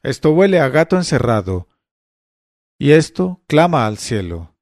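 A man reading a story aloud, voicing an angry grown man who yells indignantly at a crowd. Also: medium pitch, sing-song, measured pace, dry recording, studio quality. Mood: outraged. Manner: indignant yelling.

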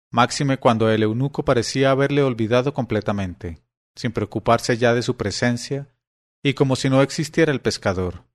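A man narrating classic tales as an audiobook, with an even, clear storytelling delivery. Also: medium pitch.

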